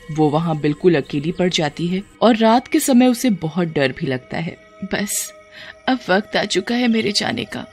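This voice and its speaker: A woman narrating a children's story in a clear, even storytelling voice. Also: lowish voice.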